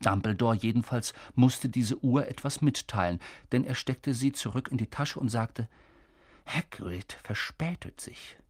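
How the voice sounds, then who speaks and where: A man narrating a fantasy audiobook with expressive, storytelling delivery. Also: mid-range voice, moderate pace, hardly any pauses, no echo, clean studio sound. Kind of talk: scripted narration.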